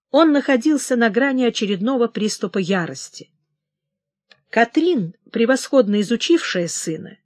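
A woman giving a dramatic, expressive audiobook narration of a historical novel. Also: mid-range voice, no room sound, studio quality.

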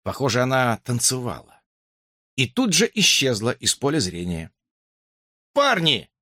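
A man reading a first-person audiobook in a lively, expressive storytelling manner. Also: medium pitch, moderate pace, no room sound, studio quality. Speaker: audiobook narrator.

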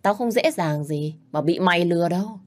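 Storybook figure, woman acting spiteful young sister-in-law, shrill, sneering, loud. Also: moderate pace, lightly acted. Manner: sneering, shouting insults.

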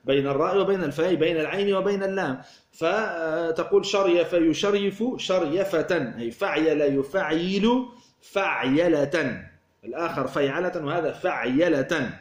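A man teaching a grammar lesson, who asks questions and answers them himself and repeats key words as he explains. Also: fairly high pitch. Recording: roomy echo.

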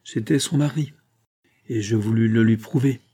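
A man voicing a bitter, sardonic ruined glassmaker in an audiobook reading, speaking with acid mockery and heated bursts, a little above his usual pitch. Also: normal speed, mellow, natural voice. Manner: acerbe, mocking, with heated bursts.

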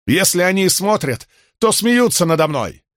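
A man's voice: high-pitched, very animated, normal speed, no room sound, studio quality, voice pushed up. A man voicing a desperate, ruined middle-aged shopkeeper in an audiobook, in a strained, pleading voice. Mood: angry. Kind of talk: audiobook character voice.

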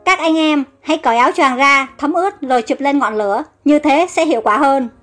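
Young queen, breathless and scared read by a woman, high voice over soft music. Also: fairly quick. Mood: anxious. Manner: breathless, frightened. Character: young queen waking in danger.

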